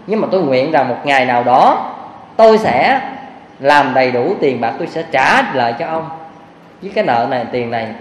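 A man voicing a young man who coldly reproaches an old rich man for the debts between them. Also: high voice. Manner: cold, reproachful. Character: poor young man, cold and resentful debtor reborn. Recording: echoey hall, faint hiss.

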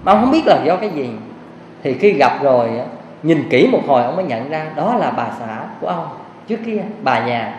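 A man's voice: fairly high pitch, a little fast. A man telling a Buddhist moral tale as a preacher. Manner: animated, emphatic storytelling. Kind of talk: sermon storytelling. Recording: echoey hall, faint hiss.

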